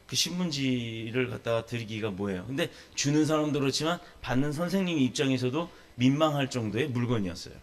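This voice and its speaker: Gravelly-voiced Korean pastor preaching. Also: male voice, mid-range voice. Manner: storytelling, asks the congregation questions. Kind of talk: sermon.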